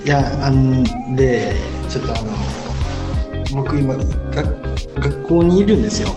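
A man's voice: animated, normal speed. A young man in his twenties with a Kansai accent, co-hosting an amateur radio show in easygoing banter, his voice ringing with a heavy cavernous echo from a school room. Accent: Kansai Japanese. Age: 20s. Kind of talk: casual banter. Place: large echoing school room. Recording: booming echo with music behind.

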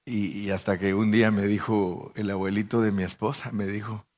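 A middle-aged man preaching a storytelling sermon, talking conversationally to the congregation and acting out voices with sudden pitch jumps. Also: flat delivery, moderate pace, a little mellow. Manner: addresses listeners as brother, conversational. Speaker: pastor.

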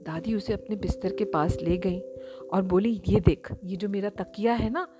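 A woman narrating a children's story in a lively, expressive way with chatty asides to the listener. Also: mid-range voice, moderate pace. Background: background music.

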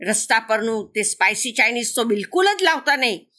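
A woman's voice: fairly quick, pushed and bright. A woman doing a fussy, nagging mother crow. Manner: nagging, fussy, higher than her narration. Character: fussy scolding mother crow, protective of her chick.

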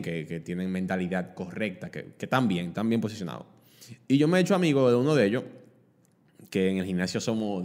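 A man's voice: fairly low pitch, darkish tone, long reverb tail. A man with a Dominican accent giving an emphatic motivational talk to camera, driving points home with repeated rhetorical questions. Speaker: motivational speaker.

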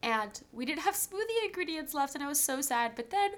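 This podcast co-host is a young woman with a stuffy nose who laughs a lot while swapping stories in casual chat. She speaks a little fast, in a high, expressive voice.

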